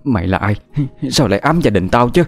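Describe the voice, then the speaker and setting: A man's voice: mid-range voice, a little fast, soft background music, lightly acted. A man voicing a terrified older wife who stammers.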